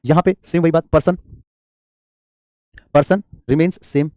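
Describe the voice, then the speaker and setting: A man's voice: fairly high pitch, fairly even intonation, moderate pace, a little mellow, no room sound, clean studio sound. A man teaching an English grammar lesson in a classroom-style lecture. He asks his own questions, answers them, and calls the students "child" affectionately.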